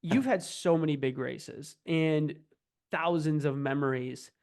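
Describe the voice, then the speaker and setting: A man hosts a casual interview podcast in a voice pitched above average. He asks long, winding questions and cheers his guest on. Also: measured pace, creaky, darkish tone. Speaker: podcast host.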